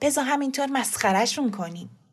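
Brief: woman voicing a feisty old grandmother for an audio story, brisk, coaxing and insistent. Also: high voice, expressive, husky.

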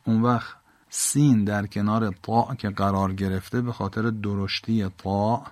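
A man's voice: fairly low pitch, steady tone, darkish tone, no room sound. A man teaching a Quran exegesis lesson, reciting Arabic verses and explaining them word by word.

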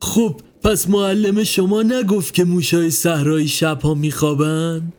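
A man voicing a kindly older man who keeps a basket of rabbits, asking slow, teasing, coaxing questions. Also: on the high side, little pitch movement, a little mellow, close to an everyday voice.

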